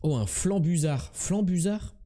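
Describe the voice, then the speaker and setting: Young male streamer from France, brash and jokey with chat, animated delivery. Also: high voice, unhurried. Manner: loud, teasing, talks to chat. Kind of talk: live-streamed quiz game chat.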